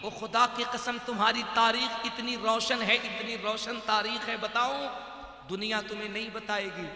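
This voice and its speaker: A male Islamic preacher, delivering a sermon that swings from quiet talk to shouted, sung exhortation. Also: sits high, little pitch movement, normal speed. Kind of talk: sermon with chanted verses. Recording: echoey hall, public address.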